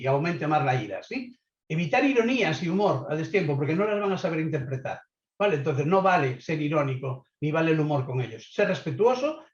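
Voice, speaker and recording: A man giving a webinar lecture on leadership, offering measured advice and often checking in with listeners. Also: on the high side. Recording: echoey, slightly dull online audio.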